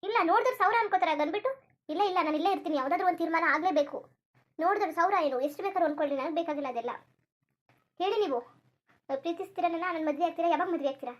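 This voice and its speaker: A woman's voice: very high-pitched, rapid-fire. A woman voicing a lovesick, clingy young woman in a cartoon, pleading and repeating herself insistently. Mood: desperate. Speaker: cartoon character. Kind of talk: Kannada cartoon voice acting.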